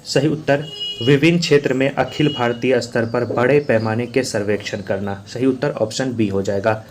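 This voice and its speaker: A man's voice: medium pitch, fairly even intonation, normal speed, slight background noise. A man teaching as an exam coach, working through quiz questions and answers in a repetitive, drilling manner. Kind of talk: quiz answer walkthrough lesson.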